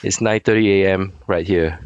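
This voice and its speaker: Man in his forties, deep voice, easygoing, halting guest with a dry close sound. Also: fairly even intonation, smooth, no room sound, muffled recording. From Singapore. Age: 40s. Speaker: guest, sneaker designer. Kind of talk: casual interview chat.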